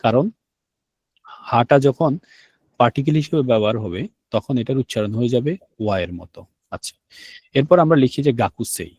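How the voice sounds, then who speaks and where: A man's voice: mid-range voice, expressive, moderate pace, long pauses, a little mellow, slightly rough, dry recording. Guy teaching an online class, keeps asking students questions and repeating words, dry mic sound. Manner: explains step by step, asks the students questions and repeats key words. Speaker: Japanese language teacher.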